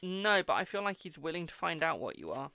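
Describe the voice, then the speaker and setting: A medium-pitched, creaky voice with a sing-song lilt and a sharp tone moves a little fast, over slight background noise. It's a tarot reader from England, posh-sounding in accent, chatting casually on a live stream while reading cards, swearing freely and calling viewers "my darling".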